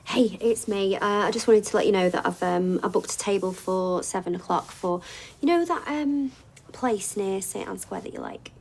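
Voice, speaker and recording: A woman's voice: medium pitch, normal speed, vocal fry, slight background noise. An actress playing a woman who leaves a hesitant, affectionate voicemail for her partner, heard as a recording over a phone line. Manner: hesitant, gently rambling.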